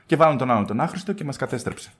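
A man's voice: mid-range voice, expressive. A man co-hosting a casual podcast chat, playful and teasing as he tells stories. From Greece. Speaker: podcast co-host.

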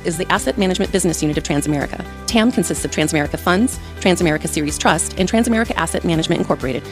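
Female announcer for fast legal disclaimer: slightly low pitch, extremely rapid formal scripted read, faint music underneath. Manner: rapid, unbroken formal reading.

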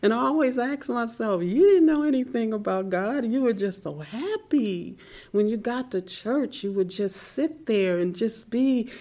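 A middle-aged woman giving a heartfelt personal faith testimony in an interview, soft-spoken and at times dropping to a whisper. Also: mid-range voice.

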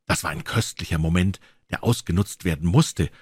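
A man reading a classic story as an audiobook, narrating in a measured, expressive way. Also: sits low, breathy edge, dry recording, clean studio sound. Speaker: audiobook reader.

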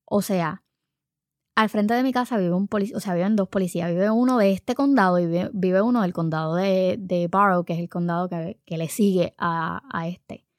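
A woman's voice: on the low side, moderate pace, no room sound, studio quality. A woman. She tells a family story casually from her living room and acts out the people she quotes. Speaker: mother telling a family story. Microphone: home recording set.

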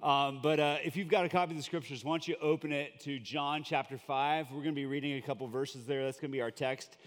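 Guy from colombia preaching casual and jokey, kinda high voice, big echoey church. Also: fairly even intonation, quick pace. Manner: chatty and joking, lots of fillers. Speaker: guest preacher. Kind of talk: conversational sermon. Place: church sanctuary.

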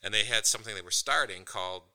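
A man's voice: fairly low pitch, fast, pushed and bright. A man, a magician being interviewed, telling long stories in a rambling way with many fillers and restarts, acting out quoted lines. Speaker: magician guest. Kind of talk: casual anecdotal storytelling.

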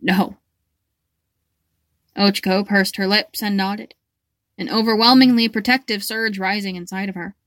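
A woman's voice: mid-range voice, steady tone, moderate pace, a bit bright, no echo, studio quality. Woman narrating a fan fiction audiobook.

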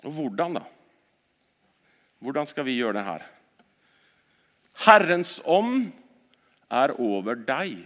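A man preaching a sermon at a church service, swinging between loud exhortation and quiet earnest talk, often repeating words as he restarts sentences. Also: medium pitch, big pitch swings, pauses often, long reverb tail.

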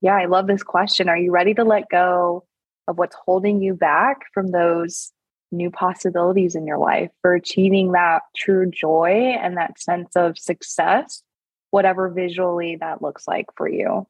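A woman's voice: fairly low pitch, fairly even intonation, measured pace, husky, no echo, poor audio. A woman co-hosting a podcast, affirming and building on the host's points. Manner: affirming, finishes the host's thoughts. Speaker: podcast co-host. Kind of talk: reflective podcast conversation.

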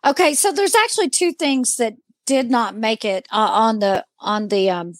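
Woman co-host, fairly high voice, dry close sound, lively retelling of a ghost hunt, acts out quotes. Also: moderate pace, no echo. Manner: animated storyteller, imitates the voices she heard. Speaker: paranormal investigator and podcast co-host. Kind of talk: casual chat reviewing ghost-hunt audio.

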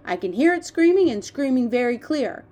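A woman's voice: sits high, very animated, normal speed, warm tone, voice pushed up. Woman voicing the BFG, an earnest storybook giant. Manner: ungrammatical, quaint invented words, wonder-filled. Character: big-hearted male giant with huge ears, earnest and proud. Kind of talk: children's storybook character voice.

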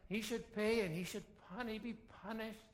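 A man's voice: sits high, fairly even intonation, normal speed, voice pushed up, lightly acted. A man acting out an indignant king who demands that a wrongdoer be punished.

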